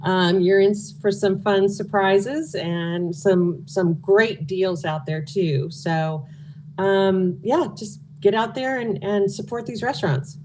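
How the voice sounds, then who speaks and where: Taking her time, a woman being interviewed about her work organizing local events for a food and beverage nonprofit speaks informally and candidly. Her mid-range voice is slightly mellow with fairly even intonation, and there's a bit of background noise.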